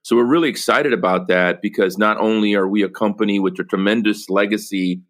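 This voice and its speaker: A man's voice: on the low side, brisk. A man from El Salvador, a podcast guest talking earnestly about his work, with many fillers and restarts. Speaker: podcast guest, company executive. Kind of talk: casual interview conversation.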